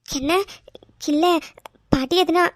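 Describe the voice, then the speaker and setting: A shy cartoon young wife, voiced by a woman, soft and hesitant, stumbling over her words as she says sorry. The recording is dry and close. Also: high voice, steady tone, slow, dry recording. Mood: timid. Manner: hesitant, stammering, keeps apologising. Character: young wife, timid, apologetic, tearful.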